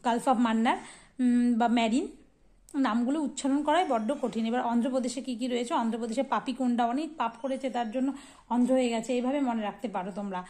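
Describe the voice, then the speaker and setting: A woman's voice: on the high side, fast, a little mellow. A young woman teaching geography over a map, asking questions and answering them herself in a chatty way. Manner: chatty, asks and answers her own questions, shares memory tricks. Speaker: exam-prep teacher.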